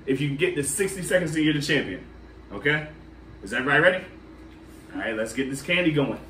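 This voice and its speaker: Animated and quick, the fairly high, slightly bright voice belongs to a man casually running a candy challenge, counting down and going over rules as he calls out to "y'all" and "guys." It's recorded from a distance in an echoey room, with noise behind him.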